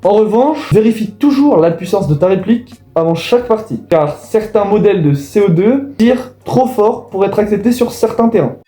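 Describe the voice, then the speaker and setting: Man, high mellow voice, casual explainer, echoey room, faint music. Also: lively intonation, normal speed, few pauses. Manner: casual, addresses viewers directly. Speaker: video host. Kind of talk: explanatory voice-over.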